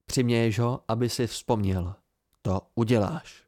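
A man's voice: medium pitch, fairly even intonation, mellow, no echo, clean studio sound, close to an everyday voice. A man reading an amateur audiobook and voicing a charming, mercurial fey youth with a raised, eager voice and sudden intensity. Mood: fierce.

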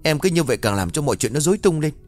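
A man voicing a flustered young husband snapping back at his wife in a hurried, irritated way. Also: fairly high pitch, big pitch swings, darkish tone, faint music behind, pitched above the performer's own voice.

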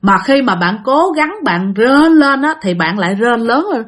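A woman's voice: on the high side, animated, normal speed. A woman narrating a ghost story dramatically, speaking straight to her listeners. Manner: dramatic, addresses listeners directly.

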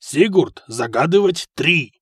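A man voicing a loud, crude male Norse mercenary who speaks in slow, broken grammar. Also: fairly high pitch, lively intonation, breathy edge, dry recording, clean studio sound, exaggerated voice. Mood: gleeful.

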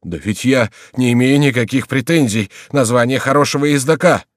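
A man's voice: medium pitch, normal speed, dry recording, clean studio sound, voice pushed up, natural voice. Man voicing a cowardly monk, whining, breathless, complaining. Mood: panicked whining. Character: plaintive, cowardly monk on a donkey.

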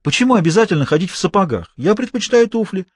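A raised, lively voice for an earnest Soviet schoolgirl activist who lectures with conviction, as a male reader puts her on. The audiobook recording is dry and close. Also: sits high, fast talker, dry recording, voice pushed up. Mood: firm. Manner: firm, lecturing.

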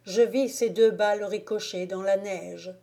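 A woman narrating a classic novel as a volunteer audiobook reader, in a slow, measured, soft-spoken way. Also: mid-range voice, steady tone, creaky. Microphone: home recording, volunteer reader.

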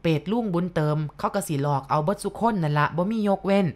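A woman voicing a stern but kindly old male abbot, talking in a measured, scolding way. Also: lowish voice, natural voice. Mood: explaining.

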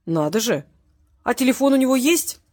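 A cocky, mocking male tough guy, put on by a woman narrator in an audiobook. His voice sits high and loud above her usual reading and bounces around as he makes cheerful threats. There is a husky edge to it. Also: sing-song, moderate pace.

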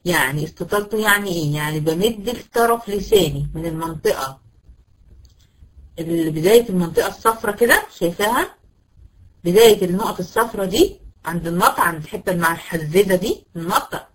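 A woman's voice: fairly low pitch, a little fast, poor audio. A woman with an Egyptian accent teaching Quran recitation to female students, explaining patiently and demonstrating sounds over and over. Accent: Egyptian Arabic. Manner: patient, explanatory, asks her own questions and answers them; repeats short demonstration syllables. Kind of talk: tajweed lesson to female students.

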